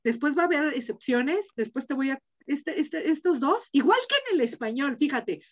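A middle-aged Mexican woman lectures on Latin grammar to her students over a video call, her voice sitting a little high. She talks in a chatty, rambling way, asking questions and filling pauses. The audio sounds dull and lo-fi. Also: expressive. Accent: Mexican Spanish. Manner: chatty, asks students questions, many fillers. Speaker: Latin teacher. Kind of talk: online class lecture.

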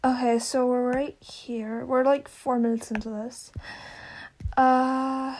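A young woman with a high voice hosts a casual question-and-answer video. She jokes, swears and bursts into dramatic outbursts as she goes. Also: level tone, slow pace, a little mellow, slight background noise. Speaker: channel host. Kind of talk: casual Q&A chat. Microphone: home microphone.

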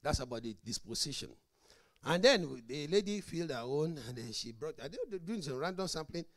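A man's voice: a little high, fairly quick, dry recording, studio quality. A middle-aged man, a pastor preaching a marriage sermon who tells stories and acts out both sides of conversations. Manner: animated storytelling, acts out both sides of dialogues.

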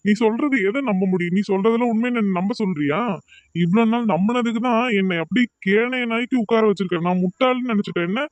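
Give me a man doing a furious cartoon husband, high-pitched and fast. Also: no echo, natural voice. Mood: bitter. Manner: harsh, scolding, threatening. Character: furious threatening young husband. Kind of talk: cartoon drama voice acting.

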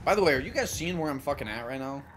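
A man's voice: medium pitch, expressive, very fast, fairly bright tone, slight background noise. A man with a Minnesotan accent chatting casually and profanely while streaming a video game, often laughing and musing aloud. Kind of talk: casual live-stream chat while gaming.

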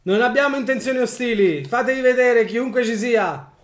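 A man's voice: extremely high pitch, normal speed, pitched above the performer's own voice. A man playing an adventurer who calls out commandingly to hidden strangers in a tabletop game. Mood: commanding, peaceable. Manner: raised, commanding call. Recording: roomy echo, background noise at table.

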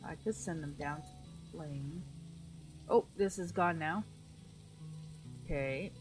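A woman plays a city-building game and talks herself through each move at an unhurried pace. Her voice is wearing thin as she loses it, and she often restarts her sentences. Faint game music sits under her voice. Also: low voice, darkish tone, poor audio. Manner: thinks aloud, self-talk with frequent restarts. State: losing her voice. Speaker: gameplay streamer. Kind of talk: casual gameplay commentary.

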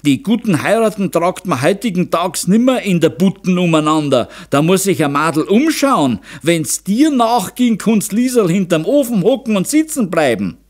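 A doting, scheming Bavarian mother lectures and coaxes in a raised, lively voice, as a man puts her on in an audiobook. Her pitch climbs and falls a lot. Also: measured pace. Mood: coaxing. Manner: coaxing, lecturing. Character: scheming middle-aged mother, fussy and doting. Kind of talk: audiobook character voice.

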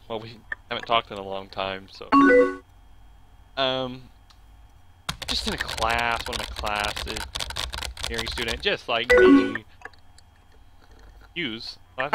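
A young man playing a chat game and reading its lines aloud, laughing at them, over loud game music. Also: medium pitch, a little slow, pauses often, poor audio. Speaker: gamer. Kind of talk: let's play commentary.

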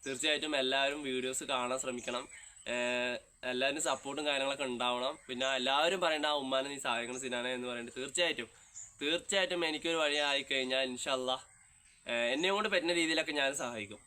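Casting: male vlogger, Malabar Malayalam accent, very quick insistent delivery, forceful bright tone, casual direct address. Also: mid-range voice. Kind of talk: casual chat to viewers, reacting to comments.

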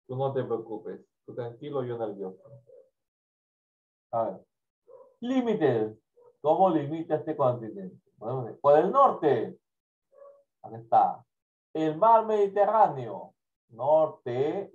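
A man teaching a primary class, unhurried and repetitive, pausing to ask whether the kids follow. His voice sits a little high, and the sound is dull and lo-fi. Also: a little mellow. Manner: slow, repetitive, checks in with "¿ya?". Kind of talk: online class lecture.

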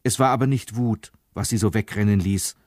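Man reading a story aloud, measured and steady, lowish voice, dry close sound. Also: dry recording. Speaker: narrator. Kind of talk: scripted literary reading.

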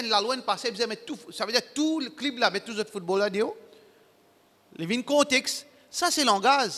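A man preaching to his congregation, emphatic and repetitive, in broken, halting phrasing. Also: very high-pitched, bright, forceful tone, big-room sound. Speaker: Islamic preacher. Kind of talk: sermon to a congregation.

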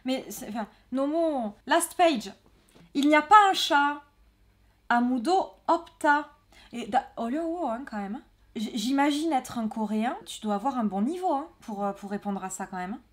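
A woman from France chatting excitedly as she works through a test, exclaiming and switching between French and English. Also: fairly high pitch, normal speed. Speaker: test taker. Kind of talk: casual reactive chat.

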